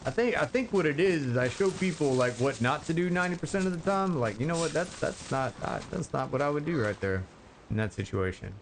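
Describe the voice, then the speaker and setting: A man's voice: a little high, lively intonation, slight background noise. A man casually commentating his game on a live stream, joking and chatting with viewers, rambling with lots of fillers. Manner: slow, rambling with many fillers.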